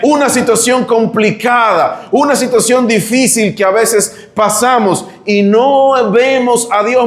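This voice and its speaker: A man's voice: high-pitched, echoey room. A man with a Dominican Spanish accent preaching a sermon as pastor, speaking with passion and rising when he voices prayers. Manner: impassioned preaching, rising when voicing pleas.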